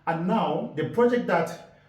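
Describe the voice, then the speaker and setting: A man gives an earnest presentation as an environmental activist, telling his story with deliberate emphasis. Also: high-pitched, a little mellow. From Cameroon. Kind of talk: public presentation talk. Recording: roomy sound from a distance.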